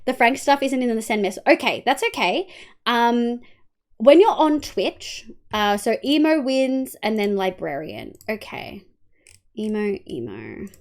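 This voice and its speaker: Very animated yet at a measured pace, this young Australian streamer chats with her audience and guides them through settings. Her voice sits on the high side, a little mellow but congested and nasal, and she talks to chat and hums to herself.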